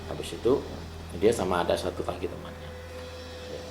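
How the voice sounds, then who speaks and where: An older man with a very low, gravelly voice tells a story in a casual way. He is animated and rises to loud bursts at the tense parts. The recording sounds roomy, with clear ambience behind him. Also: fairly quick, background noise.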